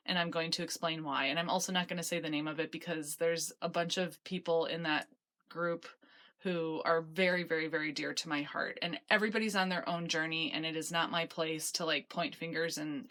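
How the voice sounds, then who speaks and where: Female vlogger, lowish voice, chatty and self-deprecating, confessional phone-recorded delivery. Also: pushed and bright. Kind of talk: casual confessional vlog, talking to camera. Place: small root cellar closet in a basement. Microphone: handheld phone.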